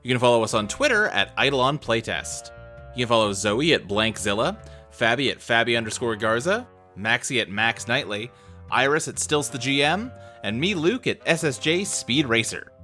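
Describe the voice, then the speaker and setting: A man's voice: medium pitch, lively intonation, normal speed, bright, forceful tone, soft background music. A man reading a scripted podcast outro as one of the show's makers. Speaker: podcast producer reading the credits.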